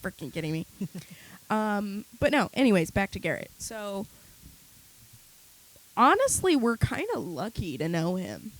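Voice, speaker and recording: A woman's voice: medium pitch, slow, long pauses, poor audio. Young woman cohosting a podcast, blunt and sweary, casual chat. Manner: swears freely, blunt and animated. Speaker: podcast co-host.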